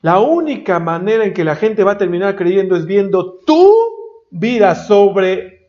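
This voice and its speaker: A man preaching a sermon, emphatic and rising into loud exhortation. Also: high voice, lively intonation, measured pace. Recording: dull lo-fi recording.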